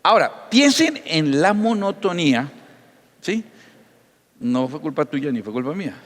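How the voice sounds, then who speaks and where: A man, a pastor giving a sermon in an animated storytelling manner with acted dialogue. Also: fairly high pitch, a little slow, big-room sound.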